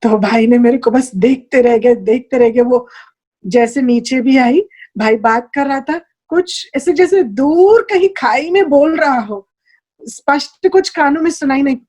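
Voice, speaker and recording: A woman's voice: high voice, a little slow, mellow. A woman giving an earnest, heartfelt personal spiritual testimony over a video call, slipping in English phrases. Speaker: guest sharing a spiritual experience.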